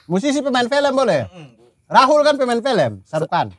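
Animated high-voiced man teasing friends. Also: normal speed. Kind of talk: casual chat.

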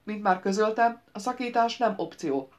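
A woman's voice: mid-range voice, close to an everyday voice. A woman voicing an arrogant, crude young bride-to-be in an audiobook, talking in a sassy, scornful, slangy way. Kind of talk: audiobook character reading.

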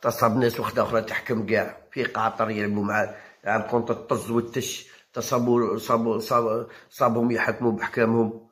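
A man with an Algerian Arabic accent who reads football news and then rants about it, combative and quick to argue back. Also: fairly low pitch, level tone. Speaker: football commentator. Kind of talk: heated football talk. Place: home channel recording.

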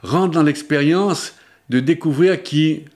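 An older, slightly mellow-voiced man preaches a Lenten sermon with a lilt, speaking to camera from a table in a small studio with a blue backdrop. His voice rises and falls often between pitches, and he slows down for emphasis on key words, using a table microphone on a stand.

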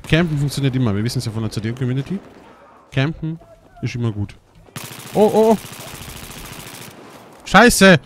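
A young German man doing live gameplay commentary, excitable and swearing a lot, with bursts of shouting while mostly keeping his voice down. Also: mid-range voice, a little hiss or hum. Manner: holds his voice down at night. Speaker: let's play gamer.

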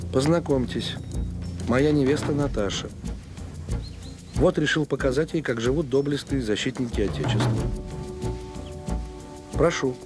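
A man's voice: medium pitch, unhurried, pauses often, close to an everyday voice. A man playing a genial, boastful general in a film, speaking in an expansive, showy way. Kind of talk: film acting. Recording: loud film music behind.

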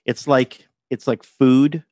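A television writer and producer speaks as a podcast guest in a casual interview, wry and talkative, often repeating words as he starts a thought. His medium-pitched voice is a little mellow, with flat delivery and a slow pace. The recording is dry and the audio dull.

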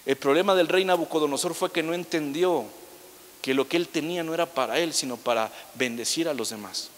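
Chatty young pastor in an echoey hall. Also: male voice, on the high side, fairly quick, a little hiss or hum. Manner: conversational preaching with humorous asides, acting out quoted people. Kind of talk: sermon. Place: church hall.

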